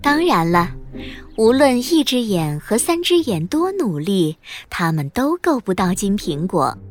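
A woman narrating a children's audio story, with slow, expressive storytelling. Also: mid-range voice, soft background music.

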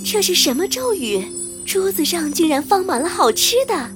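A woman's voice: very high voice, sing-song, normal speed, music in the background. A woman voicing a nosy, jealous three-eyed girl in a children's audio story, bossy and tattling. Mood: smug. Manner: tattling and smug.

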